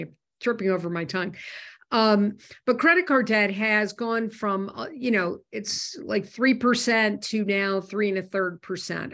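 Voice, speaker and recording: A woman talks through a money webinar in a mid-range voice. Her delivery is loose and conversational, full of "um" and "you know" and small restarts. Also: medium pitch. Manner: conversational with frequent fillers and restarts. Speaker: host. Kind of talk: webinar talk on personal finance.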